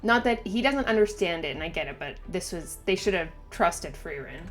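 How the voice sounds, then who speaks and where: A woman giving casual, slangy reaction commentary as a video host, with animated exclamations and asides. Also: lowish voice, normal speed, soft background music. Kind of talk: casual reaction commentary, reading dialogue aloud.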